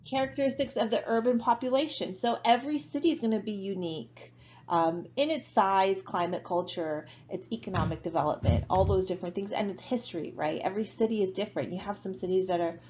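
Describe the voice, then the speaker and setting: A woman's voice: mid-range voice, brisk, a little mellow, lo-fi sound, a little hiss or hum. A woman teaching a college geography class in a recorded online lecture, talking casually with many fillers and tag questions. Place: home.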